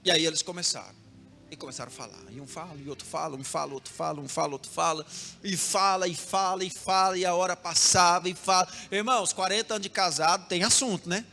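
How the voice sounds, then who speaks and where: High-voiced Brazilian preacher in a reverberant church. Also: male voice, quick pace, vocal fry, pushed and bright. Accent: Brazilian Portuguese. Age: young adult. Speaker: pastor. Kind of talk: sermon. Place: church hall. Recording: long hall reverb with music behind.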